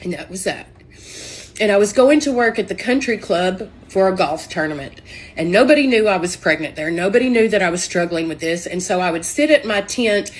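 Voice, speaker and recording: A woman's voice: medium pitch, expressive, brisk. A young woman earnestly sharing an emotional personal testimony, often saying "like". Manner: earnest, heartfelt, frequent "like" fillers.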